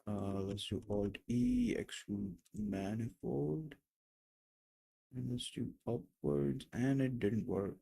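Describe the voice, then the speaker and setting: A man's voice: mid-range voice, big pitch swings, slow pace, creaky, mellow, poor audio. A young man mumbling to himself as he talks through building a 3D model on a stream. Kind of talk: casual thinking aloud while modeling.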